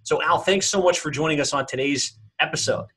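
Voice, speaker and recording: A man's voice: fairly high pitch, a little fast, a bit bright, slightly rough, low-quality recording. A man hosting a podcast interview, introducing his guest with plenty of fillers and repeated words. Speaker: podcast host.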